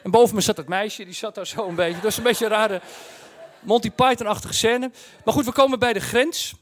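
A man telling a casual anecdote in a colloquial, blunt and animated way, acting out bits as he goes. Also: high-pitched, a little fast. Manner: acts out dialogue and sound effects. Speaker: storyteller recounting his travel experience.

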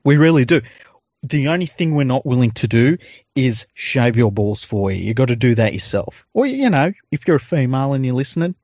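A man's voice: medium pitch, sing-song, a little fast, a little mellow, no echo. Australian male podcast co-host, informal and jokey, for chatty ad reads; very dry, slightly dull sound.

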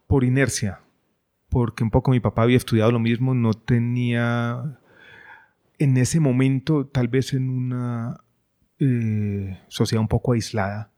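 A middle-aged man, a guest in an interview, speaking in a thoughtful, measured way with frequent hesitations. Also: medium pitch, fairly even intonation, warm tone. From Colombia. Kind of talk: reflective conversation.

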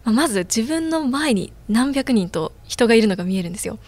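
A woman in her twenties, a guest on a podcast interview, telling her story in a measured way with many small fillers. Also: on the high side, lively intonation, a little mellow, no room sound. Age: 20s. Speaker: guest job seeker.

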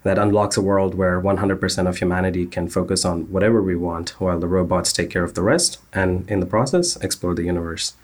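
Founder type, man, low register, earnest and technical, drops "uh" fillers. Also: steady tone, a little fast, few pauses, darkish tone. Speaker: startup founder. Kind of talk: interview answers.

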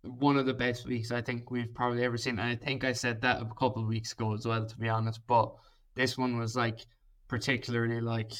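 A man with an Irish accent from Kerry, chatting casually about sport as a podcast panellist. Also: mid-range voice. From Kerry, Ireland.

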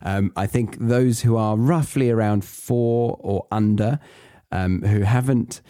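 A British man hosts a casual solo podcast aimed at English learners, chatting and explaining things to listeners. His voice is on the low side and warm, and he speaks slowly. The sound is clean studio quality without echo.

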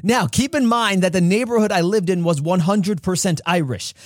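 A man speaks earnestly as he hosts a podcast and tells a story about himself. His voice sits a little high, and he leaps in pitch when he acts out quotes. The recording is dry, with no room echo. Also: moderate pace. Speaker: podcast host. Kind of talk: personal storytelling monologue.

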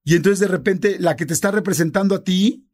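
A middle-aged Mexican man with a high-pitched voice tells a story on a casual podcast. He acts out the quoted lines with lively shifts of voice. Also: a little fast. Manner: animated, acts out quoted dialogue in many voices. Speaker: podcast co-host.

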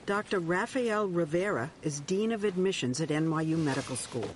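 A woman correspondent narrating a news segment in a measured, scripted way. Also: fairly low pitch, lively intonation, slight background noise.

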